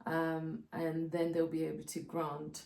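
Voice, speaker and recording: A woman, calmly explaining practical steps in a casual vlog, often pausing to think. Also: sits low, vocal fry, far from the mic. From Slovakia. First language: Slovak. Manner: practical, step-by-step explaining with frequent hesitations. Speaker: co-host of a channel about moving abroad. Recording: roomy sound, voice off-mic.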